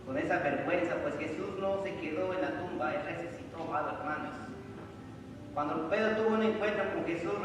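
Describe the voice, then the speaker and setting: A man preaching a sermon and reading scripture, rising loudly for emphasis. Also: on the high side. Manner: emphatic, loud rises when reading scripture. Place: church sanctuary. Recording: echoey hall from far off, noisy.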